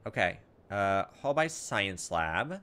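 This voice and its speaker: Slow and low-voiced, a man hosting a let's play reads the game's text out loud, dropping informal muttered asides along the way, with steady background noise throughout.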